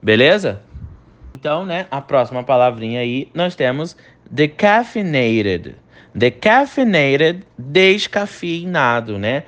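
A man teaching an English lesson online, a native Portuguese speaker, lively and drilling each English word slowly for the learner to repeat. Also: medium pitch.

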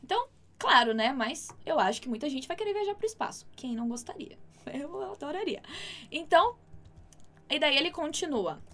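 Lively Brazilian woman teaching Spanish. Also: high-pitched. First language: Portuguese. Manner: lively, explains slowly and repeats words for practice. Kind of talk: online language lesson.

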